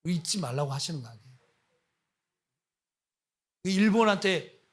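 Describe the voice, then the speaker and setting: A man's voice: high voice, animated, moderate pace, husky. A man preaching as a missionary, impassioned and scolding, firing off rhetorical questions at his listeners. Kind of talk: sermon.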